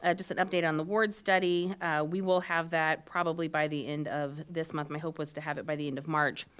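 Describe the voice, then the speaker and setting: Low-voiced woman giving a council report. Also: level tone, fairly quick, a bit bright, smooth. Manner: matter-of-fact, with frequent ums. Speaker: city manager. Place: council chambers.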